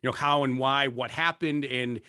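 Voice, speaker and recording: Male host, mid-pitched, dry close sound, rambling interview questions. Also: fairly even intonation, moderate pace, sharp tone, clear, resonant tone, no echo. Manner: rambling, hedging questions with fillers. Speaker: podcast host.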